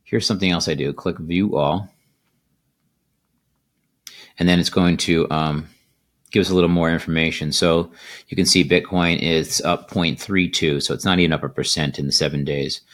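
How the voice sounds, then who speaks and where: A middle-aged man hosting a casual crypto video, talking in a relaxed, rambling way with many fillers, recorded at his desk on a computer mic. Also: deep voice, moderate pace, long pauses. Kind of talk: casual market commentary. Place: indoors at a desk.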